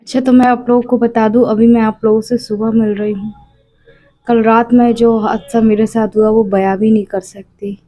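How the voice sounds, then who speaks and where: A woman's voice: on the high side, flat delivery, normal speed, dark tone, no room sound. A woman in her late twenties, chatting casually in a home vlog and telling her story at length with small repeats. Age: 20s. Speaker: vlogger and mother.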